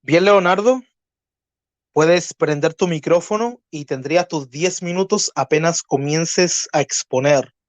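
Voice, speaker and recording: A Chilean man moderating an online debate, courteous and measured, often pausing with fillers. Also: a little high, dry recording. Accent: Chilean Spanish. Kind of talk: live-stream debate moderation.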